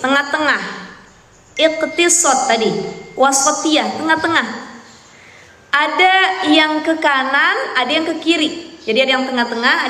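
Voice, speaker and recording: A woman's voice: high voice, a bit bright. A woman giving an Islamic study lecture as a teacher, didactic, carefully enunciating key terms, repeating phrases and checking understanding. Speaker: religious teacher. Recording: echoey hall with long reverb.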